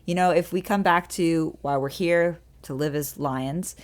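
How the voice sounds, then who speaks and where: Woman, podcast co-host; deep for her sex, earnest, easy laugh. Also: unhurried. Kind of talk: faith podcast chat.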